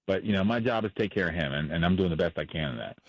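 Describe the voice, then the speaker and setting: A man's voice: sits low, expressive, rapid-fire, dry recording, highs cut off. A man speaking as a defense attorney in a radio interview, blunt and impassioned, repeating himself for emphasis.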